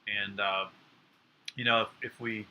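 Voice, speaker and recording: A man's voice: on the low side, flat delivery, unhurried, sharp tone, a little hiss or hum, poor audio. A man co-hosting a home cooking chat show, talking in a chatty, playful, self-deprecating way. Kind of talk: casual chat. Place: home kitchen.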